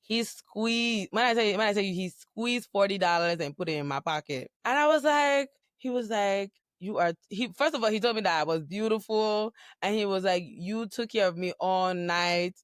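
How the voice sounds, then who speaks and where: A woman from Nigeria, a guest on a podcast, chatting casually and telling lively stories while acting out what people said. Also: mid-range voice, a little fast, few pauses, clean tone, dry recording, clean studio sound. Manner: lively storyteller who acts out quoted speech. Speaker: guest, content creator and bartender. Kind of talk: casual conversation.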